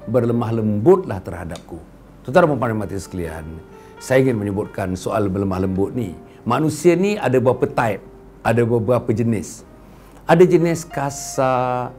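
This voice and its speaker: A middle-aged man with a Malaysian Malay accent delivers a sermon to his viewers, his pitch swinging widely as he acts out little bits of dialogue. His voice sits at an ordinary middle pitch for a man, and he adds playful asides as he goes. Soft music plays faintly underneath. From Klang, Selangor, Malaysia. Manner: animated, acts out quoted speech, playful asides. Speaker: religious speaker addressing viewers. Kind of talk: lecture-style sermon to a camera audience.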